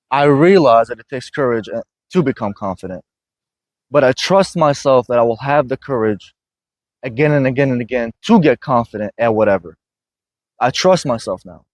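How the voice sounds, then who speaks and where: A man's voice: medium pitch, no echo. Brief: man with a mid-range voice, dry close sound, earnest motivational host. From Iraq. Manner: earnest, repeats "you know what I mean". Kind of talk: casual motivational conversation. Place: gym.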